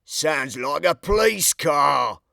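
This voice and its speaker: A man voicing a soft-hearted male burglar with rough slang, drawing out his words slowly. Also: medium pitch, lively intonation, dry recording, studio quality, exaggerated voice. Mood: startled. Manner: slow, drawn-out delivery.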